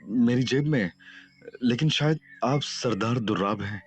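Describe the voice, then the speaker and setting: Actor as an eccentric young sleuth; deadpan, mid-pitched, playful. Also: male voice, a little slow, dull audio, close to an everyday voice. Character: eccentric, cheeky young male detective. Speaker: first-person narrator.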